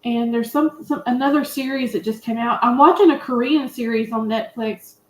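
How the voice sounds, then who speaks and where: With a fairly high voice at normal speed, this woman chats emphatically and casually about movies and series, sharing strong opinions as a review-show panelist. There's a little hiss or hum, and the sound is roomy with echo.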